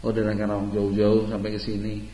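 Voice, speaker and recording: A man's voice: lowish voice, completely flat delivery, brisk, a crowd in the background. A male religious teacher at a boarding school, questioning his students in a playful, teasing classroom lesson. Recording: roomy hall echo, dull lo-fi sound.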